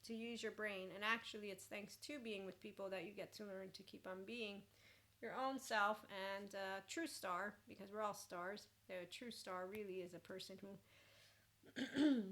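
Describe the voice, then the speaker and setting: Bright-voiced woman, informal blunt mentor. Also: mid-range voice, steady tone, moderate pace. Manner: informal, blunt, swears casually. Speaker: mentor and host. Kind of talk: informal rambling mentoring talk.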